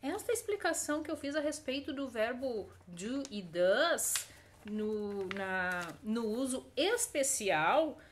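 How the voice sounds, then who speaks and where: A woman teaches English in a recorded online lesson. Her voice sits a little high, and she repeats example sentences slowly with emphasis. She checks in often with short tag questions. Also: sing-song, a little hiss or hum.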